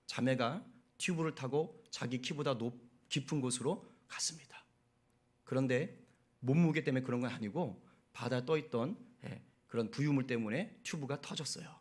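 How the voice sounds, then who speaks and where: A man preaching a Sunday sermon as pastor. He asks the congregation questions and answers them himself, and builds to loud, emphatic preaching. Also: mid-range voice, moderate pace.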